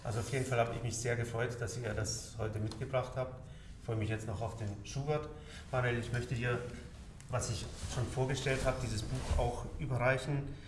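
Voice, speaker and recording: A man's voice: medium pitch, level tone, normal speed. Man hosting a music chat, roomy sound. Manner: conversational, asks questions with many fillers. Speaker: pianist host. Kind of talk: casual interview talk. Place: living room with a piano and plants. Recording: echoey room, faint hiss.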